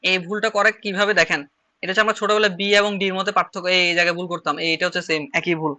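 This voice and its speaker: A man with a Chittagong Bengali accent teaches an online shorthand class in a high, very bright voice. He drills each point step by step and says it again and again, so the class can follow. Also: level tone, very fast. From Bangladesh. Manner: repetitive, drilling, step-by-step explaining.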